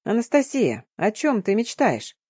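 A woman's voice: a little high, wildly swooping pitch, unhurried, dark tone, husky, no room sound, clean studio sound, full character voice. A woman reading the lines of a stern, domineering and sly male curator in an audiobook, with a curt, commanding manner. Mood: stern, mocking. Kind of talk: audiobook narration.

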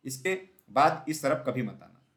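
A growling, threatening bear in a children's audio story, as a man puts him on. He raises his voice and shouts his demands, sounding furious at being cheated. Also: medium pitch, expressive, measured pace, echoey room. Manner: loud and threatening. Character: angry male bear demanding his share.

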